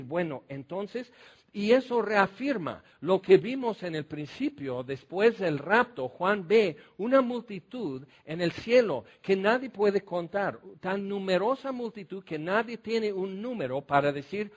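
Animated Mexican preacher, high voice. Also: male voice. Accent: Mexican Spanish. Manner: animated storytelling, asks the congregation questions. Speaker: pastor. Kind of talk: lively sermon with anecdotes. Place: church.

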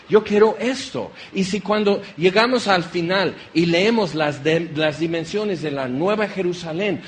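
A man preaching a sermon as a pastor, lively and acting out little quoted voices. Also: sits high, a little hiss or hum. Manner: animated, acts out quoted voices.

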